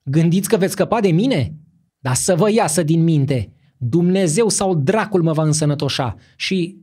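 Furious tyrant prince on his deathbed, hoarse yelling, dark and husky, voiced by a man, audiobook. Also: a little high, expressive, pitched above the performer's own voice. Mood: raging. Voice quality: hoarse, shouting. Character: raging dying old prince, furious and tyrannical.

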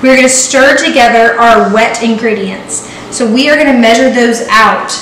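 At normal speed and in a voice on the high side, a bit bright, a young vlogger chats and jokes through a casual baking session in her home kitchen. Her manner is bubbly and playful. A camera placed back from her records it, and the room is echoey with noise.

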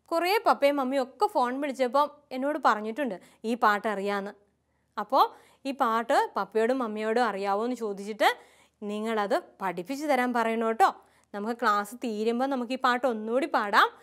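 A woman's voice: a little high, moderate pace, a bit bright. A woman who is a nun, teaching a catechism lesson to young children in a sing-song, coaxing tone with a Kerala Malayalam accent.

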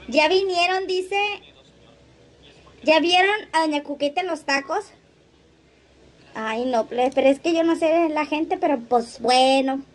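Livestream host, woman, high voice, gossipy and playful. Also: takes it slowly, long pauses. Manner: chatty, laughs often, reads comments aloud. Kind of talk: casual livestream chat reading comments.

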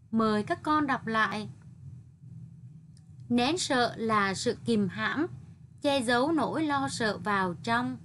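A Vietnamese woman teaching first graders to read, sounding out each word slowly and carefully. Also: on the high side, a bit bright, slight background noise. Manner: over-articulated, patient, sounding out each word. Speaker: primary school teacher. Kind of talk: slow, careful reading lesson for first graders.

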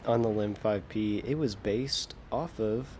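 Relaxed low-voiced American gaming commentator. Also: male voice, measured pace, slight background noise. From United States. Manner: relaxed, self-deprecating, trails off mid-sentence. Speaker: gaming video creator. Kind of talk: casual gameplay commentary.

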